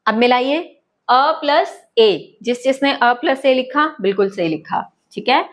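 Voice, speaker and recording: A woman's voice: sits high, lively intonation, measured pace. A woman teaching a lesson to schoolchildren, speaking patiently, repeating points and checking that they follow. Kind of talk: online lesson.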